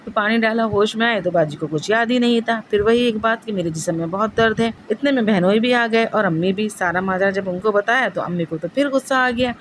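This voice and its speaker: A woman's voice: medium pitch, hardly any pauses, a little hiss or hum, rough recording. A woman narrating a first-person ghost story in a plain, matter-of-fact way.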